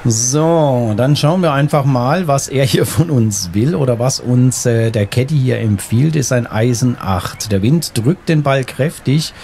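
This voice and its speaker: A man hosts a gaming video in a casual way. He thinks aloud in a mid-pitched voice, with faint game ambience behind him. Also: a little slow, few pauses, mellow, slight background noise. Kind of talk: casual let's play commentary.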